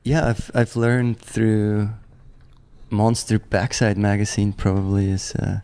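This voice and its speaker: Here a man in his thirties, a pro snowboarder from the German-speaking part of Switzerland, talks loosely as an interview guest. His voice is fairly low, slow and clean, and his easygoing, meandering speech is full of restarts and "like."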